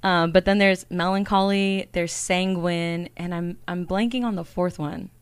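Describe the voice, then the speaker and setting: A woman's voice: on the low side, steady tone, measured pace, clean tone. A woman hosting a podcast, upbeat and chatty, who laughs easily as she interviews a guest. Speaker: podcast host.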